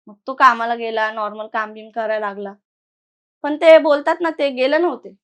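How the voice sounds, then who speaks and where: A young woman from Maharashtra, appearing as a guest storyteller, casually recounts a personal horror story and quotes the voices of people involved. Her voice sits on the high side, moves at normal speed, and sounds a bit bright.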